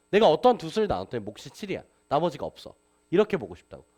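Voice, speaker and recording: A man teaching a math class, lecturing and constantly asking his students rhetorical questions. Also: mid-range voice. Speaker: math tutor.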